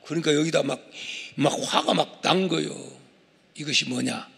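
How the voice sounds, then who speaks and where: A man preaching a sermon as pastor, leading the congregation in call-and-response and shouting for emphasis. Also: on the high side, normal speed, gravelly, slightly rough. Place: church sanctuary. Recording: long church hall reverb.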